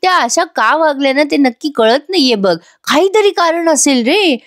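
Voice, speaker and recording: A woman's voice: high-pitched, expressive, moderate pace, no echo, clean studio sound, voice pushed up. Woman voicing an exasperated young friend.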